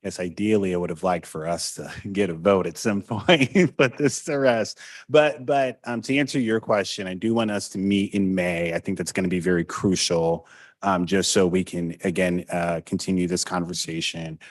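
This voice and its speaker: A man chairing a public meeting in a measured, weighty, semi-formal procedural manner. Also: sits low, steady tone, no room sound, studio quality.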